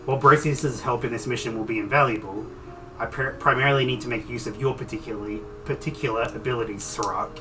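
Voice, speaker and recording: A man doing a hushed, secretive noble patron. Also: medium pitch, distant mic, over music, natural voice. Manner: hushed, urgent, measured.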